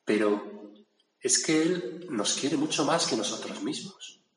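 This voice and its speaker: Taking it slowly, a man with a mid-range voice and lively intonation delivers a thoughtful gospel sermon. He talks conversationally, tossing in little asides to the audience, recorded in an echoey hall with faint room noise.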